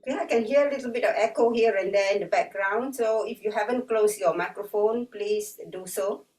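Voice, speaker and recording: A woman guiding an online breathwork and yoga class in an unhurried, gently instructive way. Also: medium pitch. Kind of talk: guided online class instruction, with chanted mantras. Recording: roomy echo, distant from the mic.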